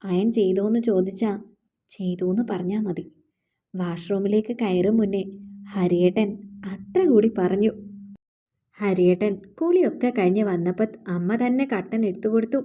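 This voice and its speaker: A woman narrating a first-person romance novel in a gentle, measured reading voice. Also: medium pitch. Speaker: storyteller.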